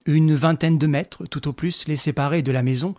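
A man narrating an audiobook in a measured, even storytelling manner. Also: a little high, no echo. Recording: dry close recording with faint music.

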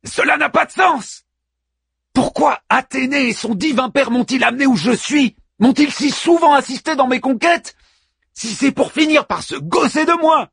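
A man playing a grief-stricken, furious young warrior hero who cries out and pleads, often shouting. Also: high-pitched, expressive, a little slow, breathy edge, no room sound, clean studio sound, voice pushed up, exaggerated voice. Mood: anguished.

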